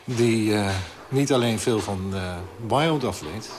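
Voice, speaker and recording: A man's voice: lowish voice, unhurried, background noise. A man talking casually who hesitates often and uses many fillers. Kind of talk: casual chat.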